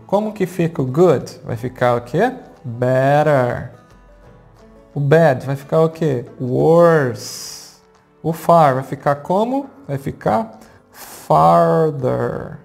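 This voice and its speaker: A teacher with a Brazilian accent explains grammar at a whiteboard. They talk patiently, check in often with the class and spell out the key words slowly. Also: mid-range voice, darkish tone, faint music behind. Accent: Brazilian Portuguese. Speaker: English teacher.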